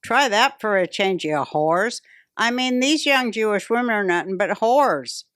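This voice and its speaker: An older woman chats casually as a podcast host, blunt and opinionated, with frequent swearing. Her voice sits at an ordinary pitch for a woman. The recording is close and dry, with no room sound. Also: expressive, measured pace, fairly bright tone, no room sound.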